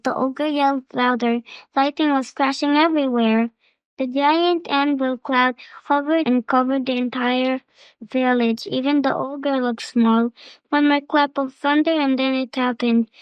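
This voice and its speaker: A woman reading a children's fable aloud as storyteller, slow and expressive. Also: sits high, dry recording.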